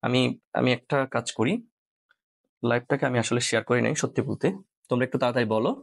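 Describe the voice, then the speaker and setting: Fast-talking Bangladeshi male teacher. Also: medium pitch, steady tone. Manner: quick, repeats points, asks "clear?"; mixes in English words. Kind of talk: live online class.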